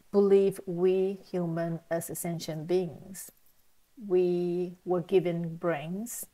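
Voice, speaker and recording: A middle-aged woman giving casual reaction commentary, speaking in a halting, reflective way and often rephrasing herself. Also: fairly low pitch, mellow, rough recording. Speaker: reaction video host.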